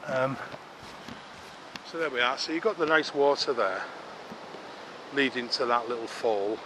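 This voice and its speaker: A middle-aged man rambles cheerfully and self-deprecatingly as he walks, a little out of breath. His voice sits at an ordinary pitch for a man. The camera mic picks up clear outdoor noise and clicking behind him. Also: unhurried. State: slightly out of breath. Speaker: vlogger. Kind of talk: casual walking vlog narration. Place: outdoors on a woodland walk. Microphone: camera-mounted mic while walking.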